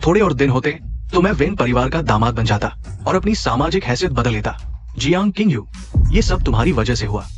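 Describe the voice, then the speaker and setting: A man's voice: medium pitch, sing-song, brisk, lightly acted. Guy dubbing a bitter gold-digger dude, blaming everyone, faint music. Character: bitter scheming young man, failed fortune-seeker. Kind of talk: dubbed drama acting.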